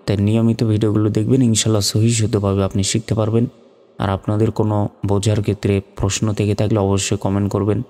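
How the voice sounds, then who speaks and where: A man's voice: lowish voice, completely flat delivery, quick pace, mellow, in a large hall. A man teaching Quran reading, spelling out each letter and vowel mark syllable by syllable. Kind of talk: step-by-step spelling lesson.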